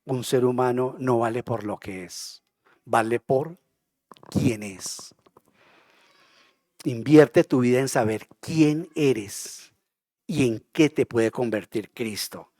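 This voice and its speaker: A man preaching a sermon in a church, impassioned and moving between hushed and loud passages. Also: medium pitch, takes it slowly, long pauses, no room sound, clean studio sound. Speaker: pastor.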